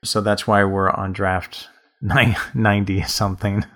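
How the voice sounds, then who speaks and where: Bright-toned low male podcast author. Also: little pitch movement, unhurried. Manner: long rambling reflective storytelling. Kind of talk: casual podcast conversation.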